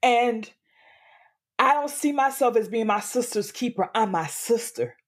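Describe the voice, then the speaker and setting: A woman's voice: a little high, lively intonation, a little slow. A woman guest speaking earnestly, building to a preacherly cadence as she talks about faith. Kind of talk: candid faith-based interview talk.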